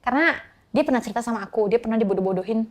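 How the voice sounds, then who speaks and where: A woman's voice: fairly high pitch, very fast. A young woman from Jakarta telling her personal story in a casual podcast chat, acting out quoted lines and laughing often. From Jakarta, Indonesia.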